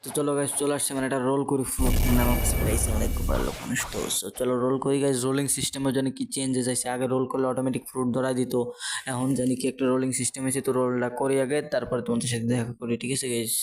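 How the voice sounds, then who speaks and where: A man's voice: medium pitch, fairly even intonation, rapid-fire, a little mellow. A young man with a Bangladeshi Bengali accent, rambling casually through gameplay commentary and slipping in English phrases. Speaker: gaming YouTuber.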